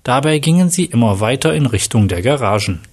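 A man narrating a story in a plain, steady reading style with a husky voice. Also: mid-range voice, brisk.

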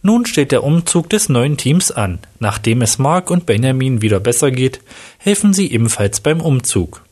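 A man's voice: mid-range voice, sing-song, moderate pace, darkish tone. Man reading a crime story. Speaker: narrator.

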